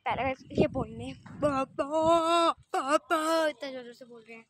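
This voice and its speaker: A young woman with a slight lisp, gushing excitedly to her phone while vlogging from a rooftop terrace at sunset. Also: on the high side, fast, slight background noise. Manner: gushing, excited, mixes in English words. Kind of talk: casual vlog chat. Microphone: handheld phone.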